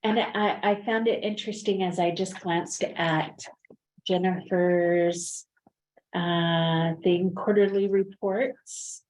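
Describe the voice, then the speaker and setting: A woman's voice: lowish voice, steady tone, slow, darkish tone, slight background noise, low-quality recording. A woman on a transit district's staff giving an update at a board meeting, hesitant, with many fillers and restarts.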